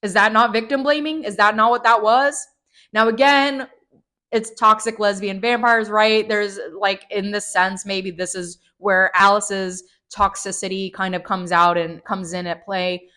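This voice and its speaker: A woman's voice: medium pitch, fairly even intonation, a little slow, pushed and bright. A woman giving an emphatic, exasperated book review, swearing as she rants.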